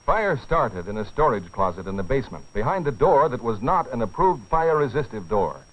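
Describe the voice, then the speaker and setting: A man with a mid-range, sing-song voice briskly delivers weighty, dramatic narration from a script for an educational film. It comes through a dull, dated soundtrack with music.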